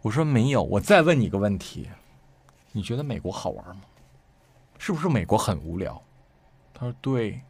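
Male storyteller, low voice, lively and emphatic, plays out the dialogue himself. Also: normal speed, pauses often, slightly rough. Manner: animated, acts out quoted speech with sharp rises. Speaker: storyteller guest. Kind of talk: casual conversational storytelling.

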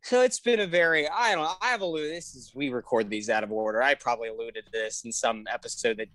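A woman's voice: very deep voice, fast talker, a bit bright, dry recording. A woman co-hosting a casual film podcast, gushing and swearing freely as she talks. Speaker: podcast co-host. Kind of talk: casual film review chat.

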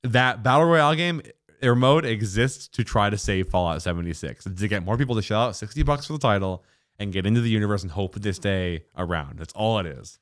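A man co-hosting a casual gaming chat, his pitch swinging widely as he jumps between thoughts. He swears freely and acts out quotes in passing. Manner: animated, swearing, quick asides and acted-out quotes. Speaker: podcast co-host.

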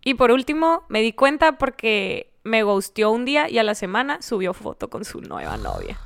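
Animated, smooth-voiced woman in podcast banter. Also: fairly high pitch, moderate pace. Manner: mostly Spanish with English phrases mixed in. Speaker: podcast co-host. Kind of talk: casual chat, bantering.

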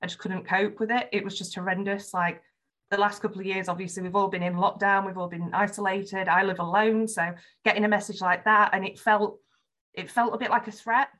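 The speaker is a woman from Yorkshire, England, whose Yorkshire accent comes through as she answers frankly and earnestly in a conversational podcast interview, often saying "um." She has a medium-pitched, slightly bright voice, a level tone, and a fairly quick delivery.

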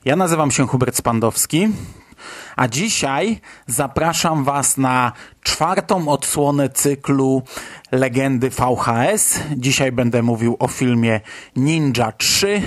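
A man's voice: medium pitch, lively intonation, slow pace. A man in his late thirties from Poland, talking casually and conversationally as a solo podcast host. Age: late 30s. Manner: conversational, reminiscing.

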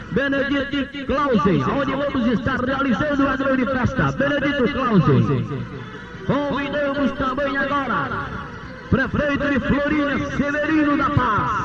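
A Brazilian man announcing live at a rodeo opening ceremony with drawn-out, emphatic, repetitive showman phrasing. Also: extremely high pitch. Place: outdoor rodeo arena over a loudspeaker system. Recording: dull lo-fi PA recording, loud crowd and music. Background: loud crowd and music.

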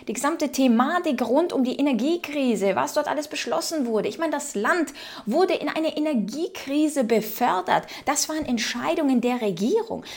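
A woman from Ukraine hosting casual political commentary, reading out news quotes and reacting with her own opinions. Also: high-pitched.

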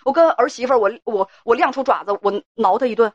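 A woman's voice: on the high side, fast talker, dry recording, dull audio, lightly acted. A woman voicing an indignant older mother-in-law who scolds her daughter-in-law with rhetorical questions. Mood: aggrieved.

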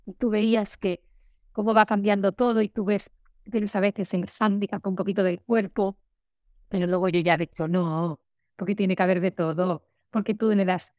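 A woman, an actress, talking candidly in an interview, telling her story lively and acting out the voices she quotes. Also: medium pitch, no room sound. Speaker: guest, actress.

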